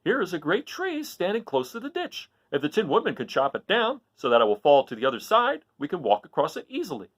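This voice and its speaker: A man puts on an eager male scarecrow from a children's tale. He sounds clever and brisk, lifted in pitch, with animated, emphatic phrasing. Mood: inventive.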